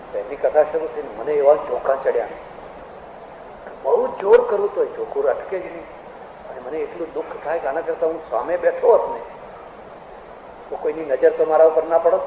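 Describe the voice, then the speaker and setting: A male religious teacher giving a spiritual discourse, telling anecdotes with rhetorical questions and now and then mimicking other people's voices. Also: a little high. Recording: echoey hall, tinny phone-like sound, faint hiss.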